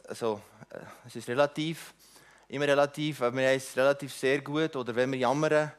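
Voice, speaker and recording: A middle-aged mission speaker, not a native German speaker, gives an earnest, inviting church talk about mission in a mid-range voice. He halts often, with restarts and fillers.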